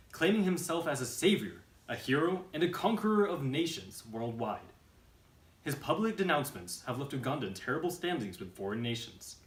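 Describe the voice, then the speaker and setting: Male documentary narrator, formal scripted read, recorded in an echoing room. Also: medium pitch.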